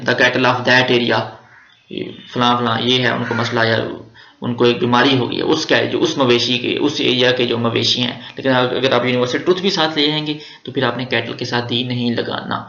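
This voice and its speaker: Pakistani-accented male teacher, chatty exam-prep lecturer with jokes, gravelly edge, echoey dull recording. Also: medium pitch, steady tone, normal speed, pushed and bright, slight background noise. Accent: Pakistani Urdu with Punjabi touches. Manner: chatty, explains step by step, joking asides.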